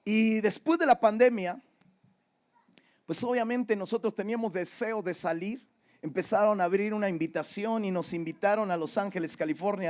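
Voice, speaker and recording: This older pastor has a Mexican Spanish accent and a high, slightly mellow voice. He preaches a sermon while telling a personal story conversationally, often asking "¿verdad?"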